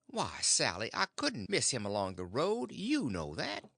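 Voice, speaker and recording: A mild old farmer fretting aloud, as a male reader plays him, earnest and plain-spoken. The voice rises and falls freely and sounds bright and close, with no room around it. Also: medium pitch, wildly swooping pitch, unhurried, vocal fry, dry recording, exaggerated voice. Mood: worried. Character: worried mild-mannered old farmer husband.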